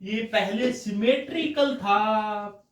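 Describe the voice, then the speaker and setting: A man's voice: high-pitched, very slow, fairly bright tone, distant mic. A man teaching a chemistry class, explaining step by step and answering his own questions. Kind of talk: classroom lecture. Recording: roomy echo, voice from off mic.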